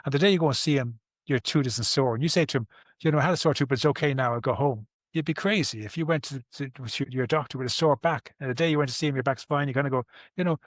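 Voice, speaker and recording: In a clean, echo-free studio recording, a fast-talking man with a mid-range voice and an Irish accent explains his therapy approach. He's in his sixties, earnest, prone to restarting and repeating words, and fond of everyday examples.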